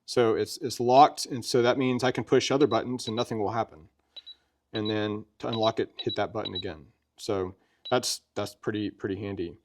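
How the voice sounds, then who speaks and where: A man with a fairly low voice reviews a piece of gear in a steady tone at moderate speed. The demonstration feels homey and informal, like he's walking a buddy through how the thing works.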